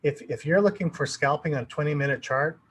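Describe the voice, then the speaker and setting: A man's voice: fairly high pitch, fast talker, a bit bright, slight background noise, rough recording. Rambling man teaching trading live. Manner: loose, rambling, thinks aloud with fillers. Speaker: trading educator presenting a webinar. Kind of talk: live webinar teaching with viewer Q&A.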